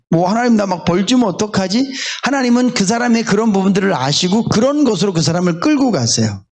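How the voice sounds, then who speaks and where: A man's voice: sits high, a little mellow. A male pastor from South Korea preaching a sermon in a candid, conversational way, full of fillers and asides. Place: church sanctuary.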